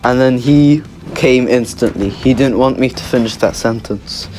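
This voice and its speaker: A man's voice: medium pitch, moderate pace, a little mellow, slight background noise. A man hosting a casual storytime video, playful and rambling, often restarting his sentences. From Egypt. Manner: rambling, playful, self-correcting. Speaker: YouTube gaming host.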